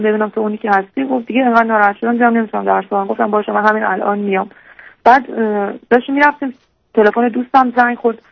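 A young female caller on a radio advice show, speaking in a flat, gravelly voice. She halts often and fills pauses while sounding unsure. The line is muffled and lo-fi. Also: mid-range voice. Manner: hesitant, full of fillers and restarts, unsure. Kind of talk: personal story on a call-in show.

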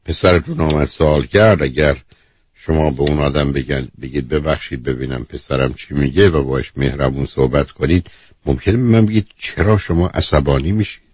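A man's voice: very deep voice, husky, no room sound, lo-fi sound. A man hosting a call-in advice show, bluntly interrupting and lecturing the caller. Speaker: radio advice host. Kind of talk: call-in counselling.

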